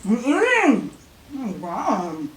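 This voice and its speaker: A woman's voice: fairly high pitch, wildly swooping pitch, very slow. A woman vlogger chatting casually and teasing her partner during an eating challenge. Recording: echoey room, mic at a distance.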